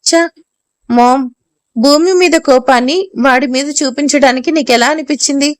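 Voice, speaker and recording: A woman's voice: sits high, normal speed, dry recording, lightly acted. A woman voicing a young man who reproaches his mother in an audio story. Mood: reproachful.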